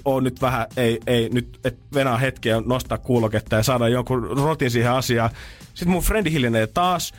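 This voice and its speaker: A male radio morning show host telling a funny everyday story in casual chat, laughing often. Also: mid-range voice.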